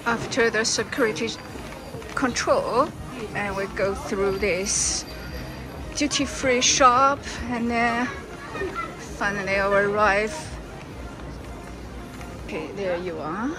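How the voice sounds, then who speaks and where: Slow-talking woman on an airport walk. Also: medium pitch, over music, a crowd in the background, rough recording. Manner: slow, halting, simple phrasing. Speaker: travel vlogger. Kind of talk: casual walking-tour narration. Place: large indoor airport terminal. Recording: busy terminal noise behind.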